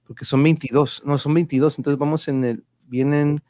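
A man's voice: a little high, fairly even intonation, normal speed, darkish tone, no echo, clean studio sound. A man with a Mexican accent hosting a casual live show, rambling playfully and dropping English words into his slangy thanks to listeners. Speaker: host of an online radio-drama show.

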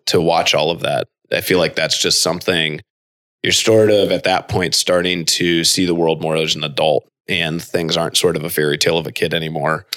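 A man in his late thirties with a very deep voice hosts a podcast. He talks in an upbeat, rambling way, full of "you know" and restarts. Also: fairly bright tone. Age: 30s. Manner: enthusiastic, loose with frequent fillers. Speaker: podcast host. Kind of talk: casual podcast chat.

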